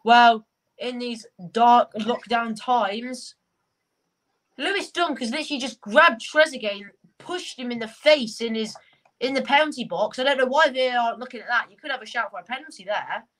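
A woman's voice: a little high, normal speed, fairly bright tone, low-quality recording. A young woman hosting a live football reaction vlog, keeping up a running commentary and passing on what her chat says. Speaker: vlogger host.

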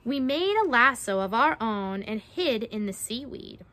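Her voice fairly high and a bit bright, a young woman reads a children's picture book unhurriedly on an outdoor wooden backyard deck. She brings the verses to life with big pitch swings and asks her young audience questions along the way.

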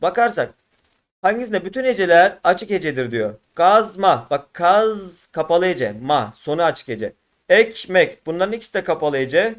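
A man with a somewhat high voice walks his students through exam questions one by one. He drags words out syllable by syllable, stopping to explain each answer. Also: sing-song. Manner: slow, drawn-out syllable by syllable explanation; addresses students as friends. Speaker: teacher. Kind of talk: exam walkthrough lesson.

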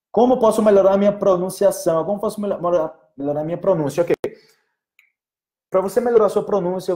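A man's voice: medium pitch, dark tone. A young Brazilian man teaching Portuguese in a casual live Q&A, rambling and often checking in with "entendeu?". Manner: chatty, rambling, keeps asking "entendeu?". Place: in Colombia.

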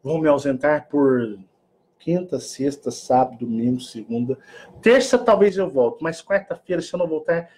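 Brazilian male host with a raised pitch, middle-aged, Brazilian Portuguese accent, animated, joking, slips between playful and earnest talk. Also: moderate pace. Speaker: spiritual channel host. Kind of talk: casual spiritual monologue.

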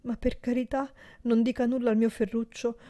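A woman's voice: on the high side, flat delivery, brisk, mellow, lo-fi sound, pitched above the performer's own voice, close to an everyday voice. A woman voicing a frightened old male porter who pleads and begs for mercy in an audiobook. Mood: begging. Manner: pleading, sobbing, breathless entreaties.

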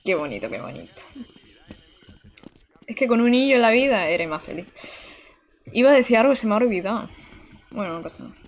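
Brief: young female streamer from Barcelona, chatty and exclamatory, slightly high voice, desk mic. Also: very animated, brisk, long pauses, slight background noise. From Barcelona, Spain. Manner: chatty, exclamatory, giggly, answering chat. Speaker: game streamer. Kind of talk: casual live-stream chat while gaming. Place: indoor room.

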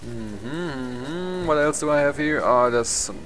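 In this casual let's play, a young man with a German accent, speaking English as a non-native, commentates his gameplay in an animated mid-range voice at a measured pace. He rambles, swears and laughs at himself as game music plays in the background.

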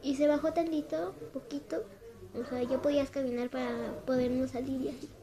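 A woman's voice: high-pitched, steady tone, a little fast, a crowd in the background. A young woman with a Mexican Spanish accent, shaken and trembling, retelling what just happened to her camera in a breathless, repetitive way. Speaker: vlogger. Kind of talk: shaken casual vlog to camera. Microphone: handheld camera mic. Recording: noisy home recording.

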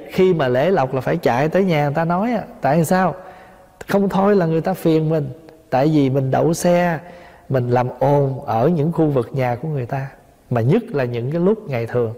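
A man's voice: fairly high pitch, mellow. A man, a Buddhist monk, giving a dharma talk, explaining patiently and asking listeners rhetorical questions. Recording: long hall reverb.

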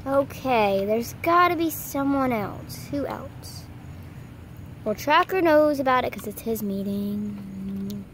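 A woman's voice: a little high, animated, slow, a little hiss or hum. A woman musing aloud as she improvises a toy horse role-play, recorded outdoors on a handheld camera.

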